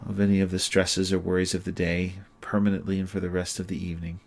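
A man guiding a listener through sleep hypnosis, speaking in a slow, soothing, repetitive way. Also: sits low, flat delivery, vocal fry, a little mellow.

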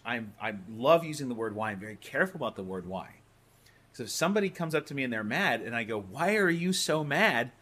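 In a mid-range, slightly bright voice, a man delivers a course lecture on hypnosis. His style is conversational and emphatic, and he sometimes repeats words as he explains.

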